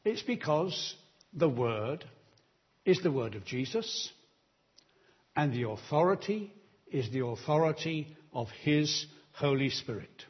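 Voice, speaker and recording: A man delivers a sermon slowly and emphatically, very animated, his fairly high voice rising and falling widely as he builds his appeals. His tone is a little husky. The lo-fi, dull recording sounds as if it was made in a church.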